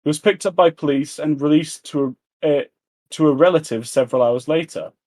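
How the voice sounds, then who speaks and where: Podcast guy, fairly high voice, talking through a case with lots of uhs. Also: brisk, darkish tone. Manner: hesitant, with fillers and restarts. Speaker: podcast co-host. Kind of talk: casual chat, recapping a case.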